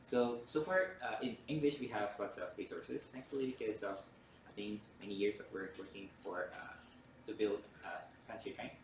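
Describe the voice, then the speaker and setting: Giving a university lecture, an Indonesian-speaking man talks in a lowish voice at normal speed, hesitating on fillers and frequently restarting sentences. He sounds distant from the mic in a roomy hall, with a faint hum in the background.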